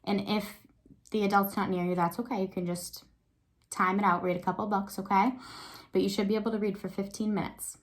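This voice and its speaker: An elementary school teacher reads aloud to young children, her medium-pitched voice flat and a little fast. She explains things simply, asking encouraging questions and checking in often.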